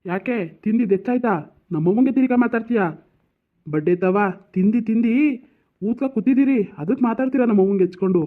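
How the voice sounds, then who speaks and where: A man's voice: high-pitched, fairly quick, phone-quality sound, lightly acted. A man doing a hot-tempered village son. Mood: angry. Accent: North Karnataka Kannada.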